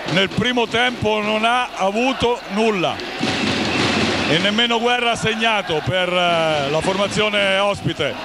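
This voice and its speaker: A man giving live play-by-play basketball commentary as a TV sports commentator, excitedly raising his voice on shots and baskets. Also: high voice, a little slow. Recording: loud arena noise behind commentary. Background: sports hall ambience, bouncing ball.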